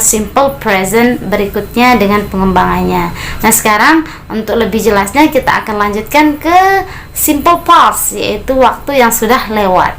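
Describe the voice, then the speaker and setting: A woman teaching an online English lesson, explaining step by step and slowing down for example sentences. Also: medium pitch, a bit bright, a little hiss or hum.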